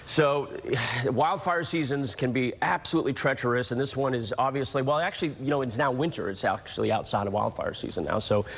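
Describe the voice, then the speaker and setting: A man's voice: mid-range voice, fairly quick, gravelly, a bit bright, in a large hall. A man presenting the weather on a morning TV show, explaining and correcting himself as he goes. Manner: explanatory, self-correcting, light teasing. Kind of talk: weather report and chat. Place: TV studio.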